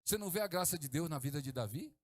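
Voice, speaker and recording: A middle-aged man from Brazil, preaching a sermon as pastor, swinging from hushed to exclaiming. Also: a little high, expressive, rapid-fire.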